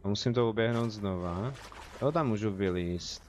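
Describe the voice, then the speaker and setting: A man's voice: fairly low pitch, a little hiss or hum. A young man with a Czech accent, chatting casually as he streams a game and jokes with his viewers. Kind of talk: casual live gameplay commentary.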